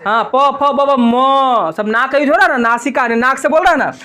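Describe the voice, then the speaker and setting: A man's voice: very high-pitched, quick pace, sharp tone. A young man teaches grammar in a classroom. He drills his students, firing questions and repeating their answers back to them.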